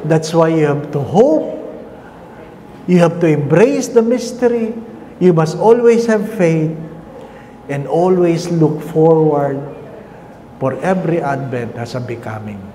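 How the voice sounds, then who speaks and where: Lively high-voiced priest in an echoey chapel. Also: male voice, takes it slowly, pauses often. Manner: storytelling, playful, switching into English. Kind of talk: humorous homily and closing prayer. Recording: echoey chapel with background noise.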